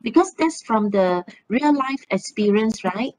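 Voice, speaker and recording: A woman, a student on a video call, asking a question in a halting way with many fillers. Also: fairly high pitch, expressive, poor audio.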